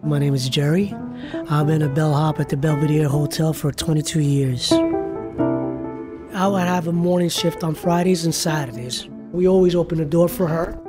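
A man's voice: a little high, fairly even intonation, moderate pace, over music. A man who works as a hotel bellhop, talking in an interview and reminiscing in a heartfelt way.

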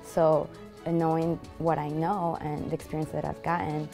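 A woman's voice: low-pitched, flat delivery, normal speed, dark tone, faint music behind. A young woman from Peru, a graduate student speaking earnestly in an interview with many fillers. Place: library room. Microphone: lapel.

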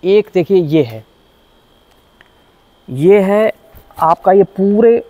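A man's voice: high-pitched, animated, drawn-out words, mellow, no room sound. A man teaching a workshop safety lesson as an auto technician, earnest and pleading, often repeating himself. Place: car workshop.

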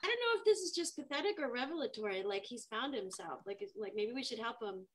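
A woman's voice: on the high side, expressive, fast talker. A woman improvising a sitcom scene, earnest and musing as she thinks aloud. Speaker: improv comedy performer.

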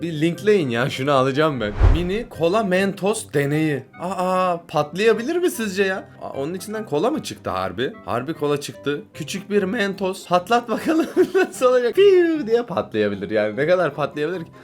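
Young guy reacting to stuff, high lively voice, gets super excited, faint music behind. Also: moderate pace, hardly any pauses. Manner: excitable, exclaims and laughs often, slangy. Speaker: reaction video host. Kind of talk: excited casual reaction commentary.

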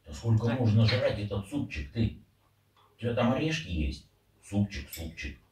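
A man's voice: medium pitch, sing-song, normal speed, darkish tone, slight background noise. A man casually teasing his pet in short, bantering remarks. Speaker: parrot owner. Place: indoor room at home. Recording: roomy, distant microphone.

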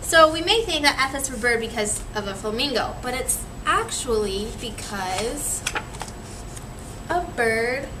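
Her voice is a little high, expressive and unhurried as she reads a picture book to children and prompts them with questions in a teacherly manner. The young woman sits in a chair in a small indoor space; the distant camera mic picks up a noisy room.

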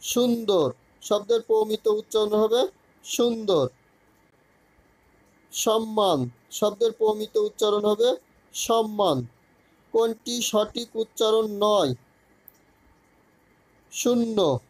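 A man with a high voice reads exam questions in a slow, measured way and answers each one himself. The sound is close and dry, with no room around it. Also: a little mellow, no room sound, poor audio. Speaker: exam prep tutor. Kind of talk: reading quiz questions and answers.

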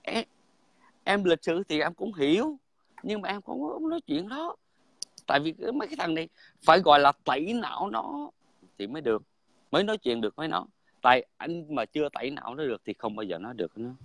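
Blunt man, crude heated chatter, a bit high-pitched, dry close sound. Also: sing-song, fast talker, a bit bright, no room sound. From Vietnam. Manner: blunt, crude, repeats "right?". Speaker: guest in online livestream chat. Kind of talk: heated casual talk.

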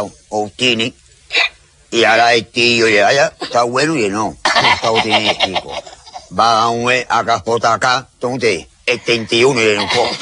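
Halting man fumbling through a joke. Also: mid-range voice, bright, forceful tone, no room sound. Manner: halting, muddled storytelling. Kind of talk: telling a joke among friends.

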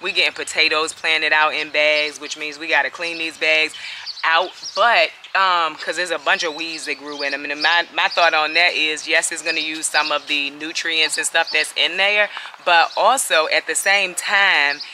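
Casting: woman garden vlogger, very bright, chatty tone, faint outdoor ambience. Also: deep voice, steady tone, moderate pace, a little hiss or hum. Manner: chatty, laughing, talks to viewers as y'all. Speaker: urban homesteading vlogger. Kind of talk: casual garden vlog chat.

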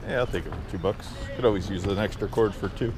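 A man's voice: lowish voice, fast. A man vlogging while shopping at an outdoor flea market, chatting easygoingly and haggling with sellers, recorded on a body-worn camera. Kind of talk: casual chat while bargaining. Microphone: body-worn action camera. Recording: outdoor noise behind voice.

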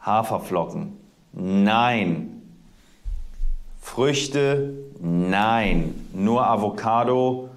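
A man giving slow, drawling, preachy advice in a played video clip. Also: on the low side.

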